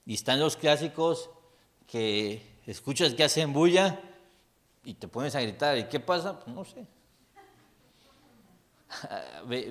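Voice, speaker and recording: A man with a Mexican accent, a pastor giving a casual, joking sermon full of stories and rhetorical questions. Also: mid-range voice. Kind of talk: conversational sermon.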